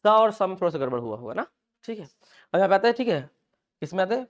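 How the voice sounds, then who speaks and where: A man's voice: high-pitched, very animated, fast. A man with an Indian accent teaching an English class, drilling pronunciation by asking students again and again and mixing Hindi with English words. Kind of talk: classroom lecture.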